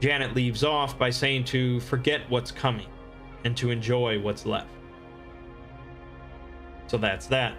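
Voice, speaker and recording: A man reading scripted explainer narration in a measured, expository manner. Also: mid-range voice, level tone, a bit bright, faint music behind.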